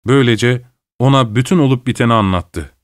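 A man narrates a classic story at an even, measured pace. His voice sits in a middle register. The recording is close and dry, with no room echo. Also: mid-range voice. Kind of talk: audiobook narration.

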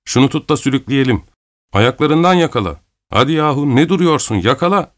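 A man's voice: medium pitch, sing-song, brisk, voice pushed up, natural voice. Man playing coarse hot-tempered peasant Salakin. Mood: bossy. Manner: mocking, then shouting angrily.

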